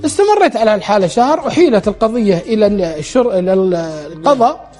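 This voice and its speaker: A man's voice: high-pitched, expressive, racing, darkish tone, faint music behind. A man telling a true story aloud, relaying the dialogue in quotes and often restarting his words. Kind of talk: spoken storytelling.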